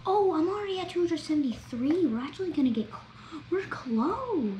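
A woman talking through a video game as she plays, chatty and excitable, narrating each step. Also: extremely high pitch, moderate pace. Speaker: gameplay vlogger. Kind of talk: gameplay commentary. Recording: roomy echo, faint background noise.

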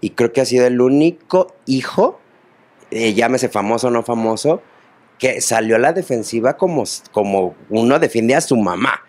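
A man's voice: mid-range voice, lively intonation, moderate pace, a little mellow. A man with a Mexican accent hosting an interview, asking long, meandering questions full of fillers. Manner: rambling, hesitant questions with many fillers. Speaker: interview host. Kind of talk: casual interview.

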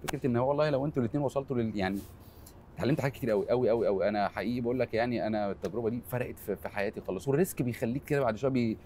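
A man's voice: mid-range voice, very fast, warm tone, slight background noise. An Egyptian man in his forties with an Egyptian Arabic accent, a film editor speaking earnestly as an interview guest, often trailing off into repeated fillers. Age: 40s. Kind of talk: candid interview conversation.

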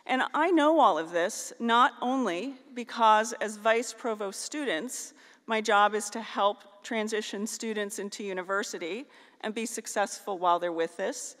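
A woman's voice: mid-range voice, a little slow, a bit bright. A middle-aged woman from the US, giving a formal graduation keynote at a podium microphone on a large auditorium stage. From northeastern Ohio, US. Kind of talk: formal ceremonial speech. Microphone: podium microphone on a stand. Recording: long hall reverb.

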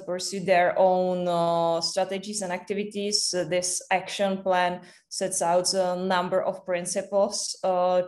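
A young Czech-accented woman presents over a video call, her voice somewhat low and held in a narrow, flat range. She speaks hesitantly and fills pauses with frequent "uh"s. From Czech Republic. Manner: hesitant, many "uh" fillers. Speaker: think tank director presenting. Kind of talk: webinar presentation. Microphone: webcam on a video call.

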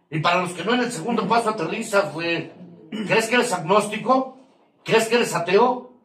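An older man with a Mexican Spanish accent gives profane testimony to a recovery group in a voice that sits high, with a fairly bright tone. He is crude, mocking and confrontational, swearing constantly and laughing at his own jabs. The room is echoey, with the mic far off and faint noise.

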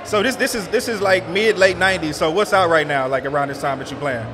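Host, fast-talking, higher male voice, music playing behind, casual interview at a brunch event. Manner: laid-back, says "man" often. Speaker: podcast host.

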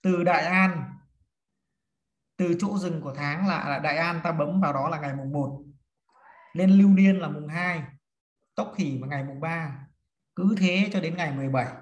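A man's voice: fairly high pitch, muffled recording. A man teaching a class, counting and explaining steps one by one to his students. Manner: slow, step-by-step counting and instructing. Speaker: feng shui teacher. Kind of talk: classroom lesson. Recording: echoey room.

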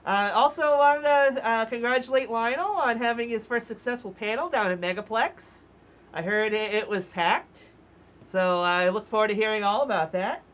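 A woman's voice: on the high side, normal speed. A woman hosting a casual unboxing video, talking in a chatty, hesitant way through a costume head, her voice muffled. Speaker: vlog host.

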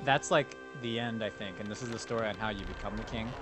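A man's voice: lowish voice, fast, over music. A young man chatting casually as he plays and co-hosts a let's-play. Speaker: let's-play co-host and player. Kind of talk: casual gameplay commentary.

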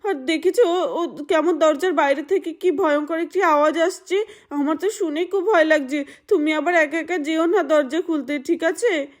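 A woman's voice: extremely high pitch, normal speed. A woman voicing Radha, a fretful young village mother soothing her children, in a doll-play story. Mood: worried.

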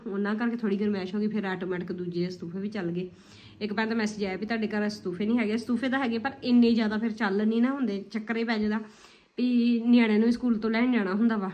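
A woman's voice: medium pitch, muffled recording. A woman, chatting casually for a family vlog into a phone at home. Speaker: vlogger and mother of a toddler. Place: living room at home, indoors. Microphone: phone at arm's length. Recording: noisy phone recording in a room.

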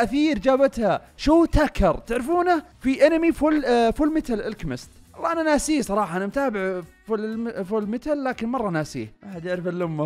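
Young male streamer, rapid-fire and high-pitched, lively delivery, faint music underneath. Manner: fast, excitable, bursts of loud laughter and shouting. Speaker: streamer and YouTuber. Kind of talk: excited live-stream gaming commentary.

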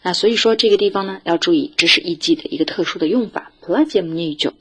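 A woman's voice: fairly low pitch, quick pace. A woman teacher explaining vocabulary and grammar to students in a recorded lesson, then reading model sentences aloud for them to repeat. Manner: lively, clear explaining tone, reads model sentences for repetition. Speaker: Russian language teacher.

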